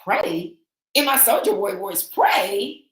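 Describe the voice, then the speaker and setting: In an echoey, bare-room recording, a woman hosting a livestream signs off with a casual, animated chat, reading viewers' comments aloud. Her mid-range voice is slightly raspy and worn from travel, as she's losing it, and she takes things slowly.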